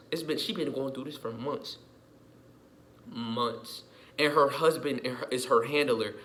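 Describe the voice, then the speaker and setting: A vlogger with a slightly high, bright, forceful voice delivers a casual rant, emphatic and repetitive, swearing often and circling back over his points. The audio is poor.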